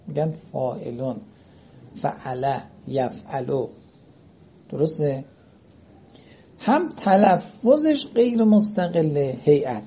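Guy teaching a class, keeps asking if students get it, muffled lo-fi recording, a bit higher voice. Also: husky. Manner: checks understanding with frequent questions. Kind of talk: seminary-style lecture. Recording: dull lo-fi recording.

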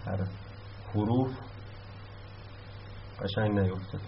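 A man teaching an Arabic grammar lesson, explaining each step and repeating word forms slowly. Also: lowish voice, vocal fry. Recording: dull lo-fi sound with faint noise.

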